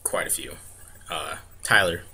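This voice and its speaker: A man's voice: unhurried, bright, forceful tone, slight background noise. A man in his twenties with an American accent, chatting casually and hesitantly, often correcting himself, into a webcam mic in a room at home. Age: 20s. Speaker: vlogger answering a questionnaire. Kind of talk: casual chat with word-list and book reading. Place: small home room, indoors. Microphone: webcam or laptop mic at arm's length.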